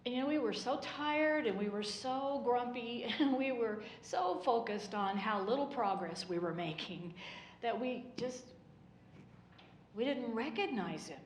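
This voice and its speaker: A woman's voice: fairly high pitch, lively intonation, a little slow, a little hiss or hum, pitched above the performer's own voice. A woman voicing an old male fisherman disciple who tells, in a wistful and rambling way, how worn out he once was. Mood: weary, wistful. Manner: rambling, wistful storytelling with sighs of exhaustion. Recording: echoey church room.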